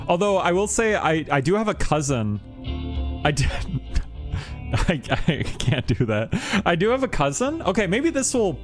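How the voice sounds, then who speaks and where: A man's voice: medium pitch, creaky. Chatty young-sounding man streaming a game. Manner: rambling, chatty, lots of fillers and laughs, animated when telling stories. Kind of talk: casual live-stream chat while playing.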